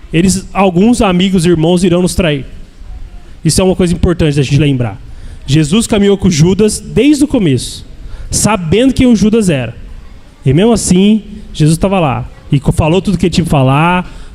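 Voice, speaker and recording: A man's voice: high voice, darkish tone. A man with a Brazilian accent teaching at a church congress, earnest and repetitive, often checking in with "né?". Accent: Brazilian Portuguese. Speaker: church speaker. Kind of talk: sermon-style teaching. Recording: echoey hall with long reverb.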